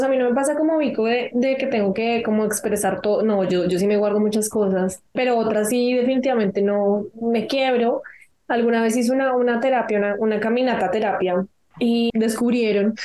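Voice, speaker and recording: A woman talking on a podcast with a mellow, dark-toned voice that sits slightly high. She tells personal stories reflectively, a little self-conscious and gentle. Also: fairly even intonation, fairly quick. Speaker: podcast co-host. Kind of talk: casual chat.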